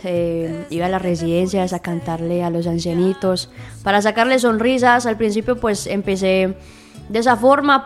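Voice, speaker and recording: A young woman who grew up in Spain, a singer being interviewed on the radio, talking in a friendly, chatty way with frequent fillers and tag questions. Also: mid-range voice. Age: young adult.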